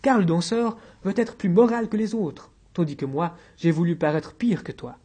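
A man voicing a suave, witty male intellectual with a soft, self-assured delivery in an audiobook reading. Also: sits high, lively intonation, normal speed, husky. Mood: wry.

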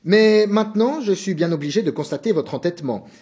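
A man's voice: high-pitched, animated, brisk, warm tone. A man doing a stern scolding office manager. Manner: scolding, formal, indignant. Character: stern middle-aged male office manager.

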